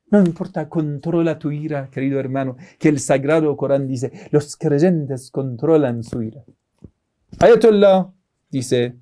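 A man's voice: on the high side, mellow. A man giving a religious lecture, preaching emphatically and rising sharply on key words, with Arabic verses recited in a chanting tone.

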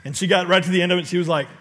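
A middle-aged pastor with a high-pitched voice preaches a sermon from a large church stage through a headset mic. He tells stories, breaking into sudden loud outbursts and throwing questions at the congregation.

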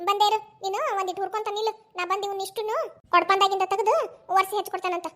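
A woman's voice: very high-pitched, level tone, a bit bright. A woman voicing a fussy, doting grandmother and mother-in-law in a cartoon, speaking with a North Karnataka Kannada accent, chiding and coaxing in turn. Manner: chiding yet coaxing, fast. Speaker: cartoon voice actor. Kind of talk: cartoon voice acting.

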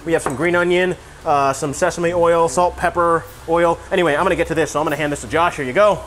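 A man's voice: a little high, fairly even intonation, quick pace, a bit bright, a little hiss or hum. A young man, a little drunk, chatting casually with wry, grumbling asides as he hosts a cooking vlog. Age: young adult. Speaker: vlog host reviewing a meal kit. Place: indoors, home kitchen. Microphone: lapel mic.

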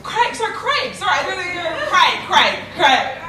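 High-voiced New Zealand woman doing stand-up. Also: very animated, normal speed, recorded from a distance, noisy background. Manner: chatty, self-mocking, bursts into loud shouting. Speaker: stand-up comedian. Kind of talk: stand-up comedy set. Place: theatre stage. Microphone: handheld mic. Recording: roomy theatre sound with crowd laughter. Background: audience laughing.

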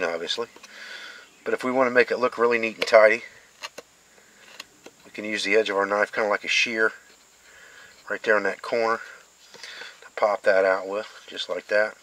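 A middle-aged bushcraft instructor gives a hands-on outdoor demonstration, carving a stick on a wooden board and explaining each step plainly. His voice is on the low side, pushed and bright, at a moderate pace with frequent pauses. The recording quality is low.

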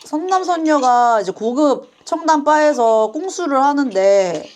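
A woman's voice: high-pitched, lively intonation, a little mellow. Chatty woman doing a reaction video. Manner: chatty, quick asides, frequent apologies. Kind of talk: casual reaction chat.

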